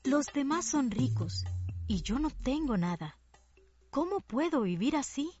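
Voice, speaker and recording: A woman reading a fable aloud in a soft, measured way. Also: high voice, sing-song, faint music behind. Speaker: story reader. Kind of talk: scripted narration of a fable. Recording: distant, dull lo-fi recording.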